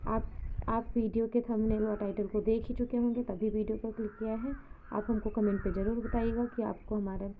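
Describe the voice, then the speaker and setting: A woman's voice: on the high side, flat delivery, a little fast. A woman presenting a vlog as a teacher, addressing her viewers directly. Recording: tinny phone-like sound, faint noise.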